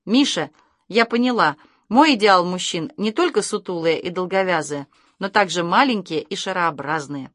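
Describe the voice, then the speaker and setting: A woman voicing a calm, affectionate young mother in a storybook, in a gentle, matter-of-fact way. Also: fairly low pitch, moderate pace, dry recording, studio quality.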